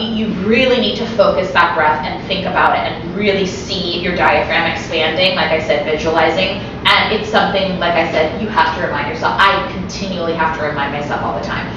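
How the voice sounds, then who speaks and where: A woman in her thirties leads a group singing lesson in an upbeat, chatty way. She sounds distant from the mic in a very echoey studio, with steady noise behind her. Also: fairly low pitch, a little fast, hardly any pauses, highs cut off. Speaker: voice teacher. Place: rehearsal studio with mirror. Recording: echoey room from far off with noise.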